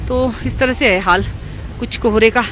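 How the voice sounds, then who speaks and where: A woman's voice: fairly high pitch, normal speed, a bit bright, slight background noise. A woman chatting to her viewers as she walks a foggy lakeside road, filming on a handheld phone. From Uttarakhand, India. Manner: chatty, keeps addressing viewers as friends. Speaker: vlogger. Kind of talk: casual walking vlog narration. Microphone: handheld phone while walking.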